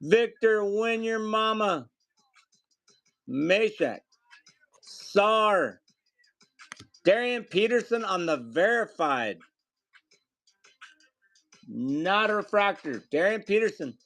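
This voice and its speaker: A man's voice: sits high, gravelly, a bit bright. A man hosting a live card break, reading off player names and calling out the hits to viewers.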